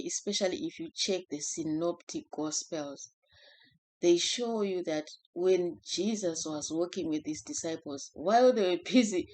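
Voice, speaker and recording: A woman delivers a personal devotional talk at a slow, deliberate pace. Her voice sits somewhat low for a woman. She speaks gently, often pausing to restart or add a filler. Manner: unhurried, gentle, with fillers and self-corrections.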